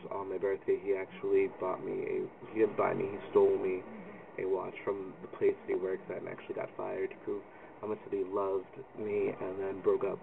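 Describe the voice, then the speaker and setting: In a personal vlog, a young man talks candidly in a rambling monologue with frequent ums. He has a lowish, gravelly voice, heard on distant, phone-like lo-fi audio under loud background noise.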